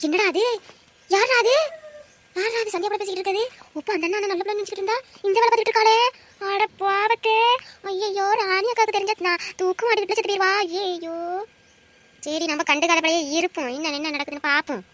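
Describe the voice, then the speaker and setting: A woman's voice: very high voice, fairly even intonation, fast talker, fairly bright tone, slight background noise. A woman voicing a young woman caught with her boyfriend, flustered and stammering excuses. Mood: panicky.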